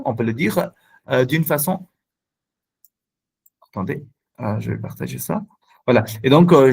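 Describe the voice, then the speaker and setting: A man leads a talk at a language school, his voice sitting a little high for a man. He explains step by step and pauses often with fillers as he searches for words. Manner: hesitant, many fillers, explanatory. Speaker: French teacher. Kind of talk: online talk on nonviolent communication.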